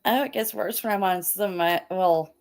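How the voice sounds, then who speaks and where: A woman's voice: medium pitch, normal speed, vocal fry, darkish tone. A woman with a Midwestern accent co-hosting a podcast in casual chat. She reads from her notes and spells words out letter by letter. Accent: Midwestern American. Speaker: podcast co-host.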